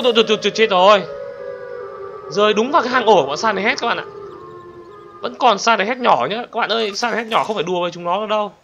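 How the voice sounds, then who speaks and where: A young man commentating a game, excitable and talking straight to viewers, bursting into panicked shouts. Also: sits high. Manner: talks to viewers directly. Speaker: gaming channel host. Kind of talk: let's play commentary. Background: loud game music.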